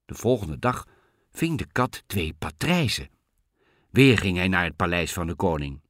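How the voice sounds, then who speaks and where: A man reading a fairy tale aloud with very expressive, swooping intonation. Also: deep voice, a little slow, no echo, clean studio sound. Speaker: narrator.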